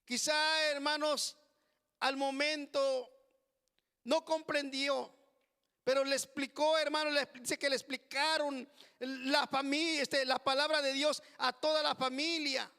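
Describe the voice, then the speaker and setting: A man with a very high, bright voice delivers a slow, deliberate sermon. He stretches his phrases and keeps calling out to his listeners as brothers. His voice rings with a long reverb in a church hall. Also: level tone. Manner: slow, drawn-out preaching with frequent "hermano" asides. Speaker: preacher.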